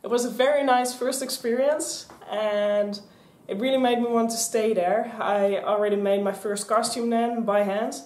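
A Dutch woman in her twenties talks to a camera on a stand in a high-ish voice, at a moderate pace and with few pauses. Her casual vlog chat is rambling and animated, full of gestures, recorded in an echoey craft room with shelves and mannequins.

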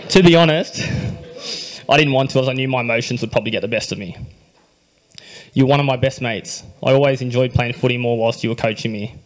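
A young man with an Australian accent reads a prepared groom's speech at a wedding reception, speaking into a handheld microphone. His delivery is dry and understated, with light jokes, frequent throat-clearing and a quiet emotional undercurrent. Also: mid-range voice, a little fast, low-quality recording. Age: young adult. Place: wedding reception hall, indoors.

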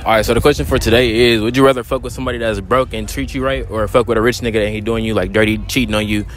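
Brief: young male street interviewer, rapid and casual, holding a handheld mic outdoors. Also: fairly low pitch, steady tone. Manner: quick, slangy questions. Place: outdoor parking lot at night.

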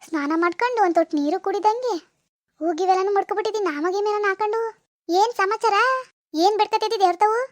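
A woman's voice: very high-pitched, fast, dry recording, clean studio sound. Woman doing a teasing village mother. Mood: mocking. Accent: rural Karnataka Kannada. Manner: mocking, scolding. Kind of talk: cartoon voice acting.

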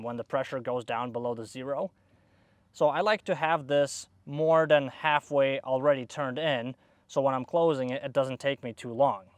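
Outdoors next to an AC unit, a young HVAC technician in a slightly high voice explains each step while he works on the air conditioner, tutorial-style, with no echo.

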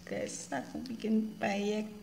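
A woman's voice: mid-range voice, expressive, slow pace, creaky, darkish tone. A woman from Indonesia, chatting casually to her viewers in a vlog and laughing often. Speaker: vlogger. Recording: echoey room, faint noise.

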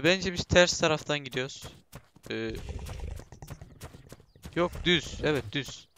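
A man giving casual, self-mocking commentary while playing a game, talking to himself and his viewers and bursting into excited shouts. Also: fairly high pitch, a little hiss or hum. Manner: self-mocking, laughs often. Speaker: gameplay streamer.

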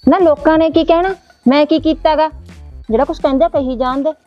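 A woman's voice: high-pitched, fairly quick, dull audio, soft background music, lightly acted. An actress playing a vain middle-aged mother who boasts about dressing up, in a village comedy drama. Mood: boastful. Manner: boastful, chatty.

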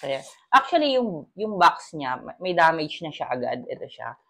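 A man's voice: fairly high pitch, big pitch swings, normal speed, creaky, a bit bright. A young man from the Philippines in his twenties chatting casually through a product unboxing review, calling viewers "guys" and mixing Tagalog with English, recorded on a lapel mic in a small home kitchen. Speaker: vlogger.

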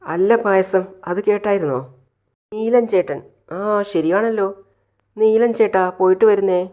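A man voicing a playful young woman who teases in a high, lively lilt, as part of a retold family drama. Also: normal speed, natural voice. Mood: teasing.

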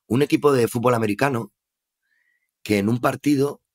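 A man's voice: medium pitch, normal speed. A man with a Spain Spanish accent, a podcast guest telling his story in earnest, reflective casual conversation.

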